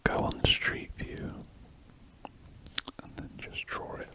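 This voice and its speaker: An ASMR drawing host speaks slowly in a gentle, breathy whisper close to the microphone, meandering in their talk and fixing their own words as they draw.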